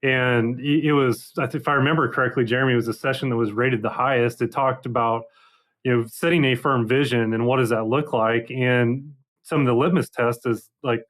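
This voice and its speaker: A man's voice: medium pitch, a bit bright. A man speaking as a panel guest in a casual professional discussion.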